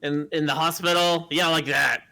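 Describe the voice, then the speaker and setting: A man's voice: on the high side, steady tone, moderate pace, gravelly, a crowd in the background, rough recording. A man making sardonic, casual commentary over a video game. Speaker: gaming show regular.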